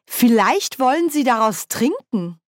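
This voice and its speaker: A cheerful old witch woman who gossips with relish, voiced by a woman reading aloud. She chatters on with a bright, lifted pitch. The sound is close and dry, with no room around it. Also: sing-song, measured pace, no echo. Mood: gossipy. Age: older.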